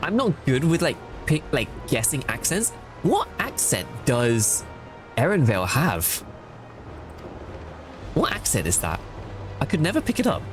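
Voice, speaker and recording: Chatty male streamer, lively and animated, casual game commentary. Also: on the high side, measured pace, long pauses, music in the background. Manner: chatty, filler-heavy, excitable.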